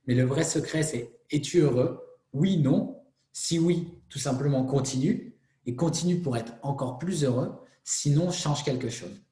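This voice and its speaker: A man's voice: on the high side, measured pace, few pauses, dark tone, echoey room. A man giving a motivational talk in an earnest way, often repeating phrases and restarting words. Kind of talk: motivational presentation.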